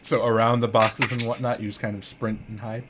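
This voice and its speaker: A man's voice: mid-range voice, flat delivery, brisk. A man acting as game master, narrating the action and directing players casually over an online voice call. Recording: faint background noise.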